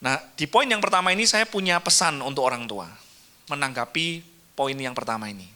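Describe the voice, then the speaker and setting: A man's voice: fairly high pitch, lively intonation, a little fast, sharp tone. A man with an Indonesian accent, a pastor preaching a sermon to a church, earnest and acting out short dialogues as he tells stories.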